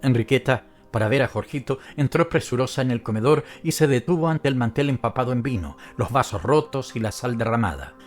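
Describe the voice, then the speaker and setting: Narrador masculino de un audiolibro. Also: male voice, mid-range voice, expressive, fairly quick, hardly any pauses, faint music behind. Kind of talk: scripted literary narration.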